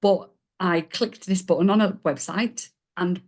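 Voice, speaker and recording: Slightly slow and lower-voiced, a warm Yorkshire woman chats as a guest on a podcast. A business coach, she tells stories in a relaxed interview, self-deprecating and quick to laugh along.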